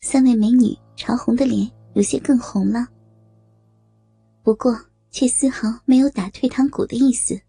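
A woman narrating a story in a steady way. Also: a little high, moderate pace, vocal fry, breathy edge, no echo. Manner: steady narration, voicing characters. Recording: dry close voice with faint music.

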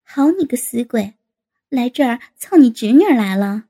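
A woman's voice: a little high, expressive, moderate pace, dark tone, no echo, studio quality, voice pushed down. Woman doing a huffy scolding aunt.

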